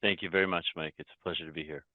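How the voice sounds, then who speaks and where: A Canadian-raised company founder tells his story reflectively as a podcast guest, often restarting and repeating words in casual interview talk. His deep voice is steady and racing, coming through a dry, tinny, phone-like remote line with no room sound.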